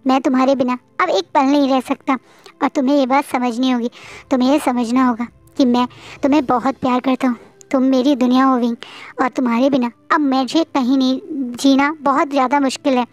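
Woman doing a quiet hurt young guy, choked up but holding it in, high dry voice. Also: steady tone, brisk, dry recording, close to an everyday voice. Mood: hurt, tender. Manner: emotional, holding back tears. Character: reserved young man, hurt, deeply devoted.

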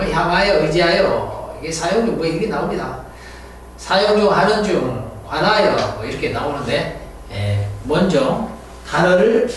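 Man, English teacher, lively high pitch, slow delivery, far-off echoey room, faint hiss. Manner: drills words, corrects pronunciation, chuckles at own jokes. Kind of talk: lecture explaining vocabulary.

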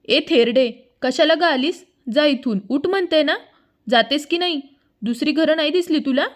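Woman playing a haughty shouting queen. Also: high voice, normal speed, pitched above the performer's own voice, close to an everyday voice. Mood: contemptuous. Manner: shouting, contemptuous. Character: haughty proud young queen.

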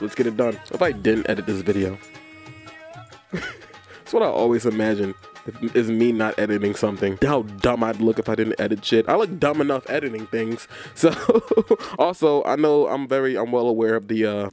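A man's voice: lowish voice, darkish tone. A man joking and rambling in a comedic vlog, with casual swearing. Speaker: YouTuber.

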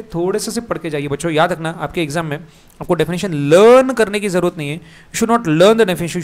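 A man with an Indian accent teaching an exam revision lecture, repeating key words and firing quick questions at his students. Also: sits high.

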